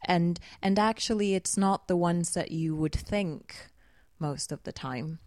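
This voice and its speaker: A woman's voice: on the low side, measured pace, darkish tone, dry recording. A woman co-hosting a podcast, chatting in a reflective way and laughing easily. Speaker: podcast co-host and editor. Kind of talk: casual podcast chat.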